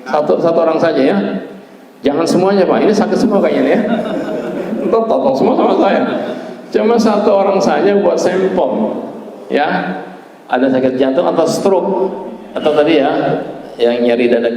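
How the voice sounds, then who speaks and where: A man's voice: fairly high pitch, normal speed, long pauses, dark tone. Man teaching a class in an echoey hall. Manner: talks to the class directly, asks them questions and tags many lines with "ya" and "Pak". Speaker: trainer of a back-pressure therapy course. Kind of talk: training lecture to a seated class.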